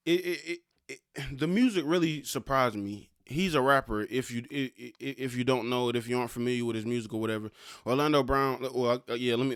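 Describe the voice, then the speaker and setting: A man's voice: medium pitch, smooth, no echo. Stammering casual man, dry close sound. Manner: stammering, loose slangy rap-fan talk. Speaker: podcast host. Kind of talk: casual solo podcast monologue.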